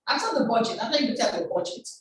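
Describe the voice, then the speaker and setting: An older woman giving a formal, measured presentation as a guest speaker, heard over a conference call. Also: fairly high pitch, sing-song. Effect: conference call audio. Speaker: guest speaker, chief pharmacist. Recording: echoey, distant online conference call with background noise.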